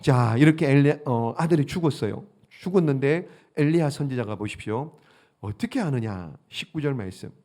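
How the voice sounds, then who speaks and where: A male pastor preaching a sermon, asking the congregation questions and swinging between loud exhortation and hushed appeals. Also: mid-range voice, expressive, moderate pace.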